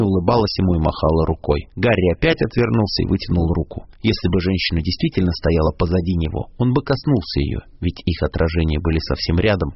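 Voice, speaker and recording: Deep, gravelly male storyteller. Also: dry recording. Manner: measured, expressive storytelling. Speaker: narrator. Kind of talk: audiobook reading on radio. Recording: lo-fi radio broadcast.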